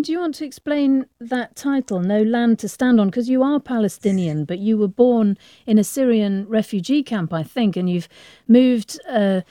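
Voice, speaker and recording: A woman's voice: a little high, dark tone, dry recording, clean studio sound. A woman interviewer asking probing, challenging questions in a broadcast news interview.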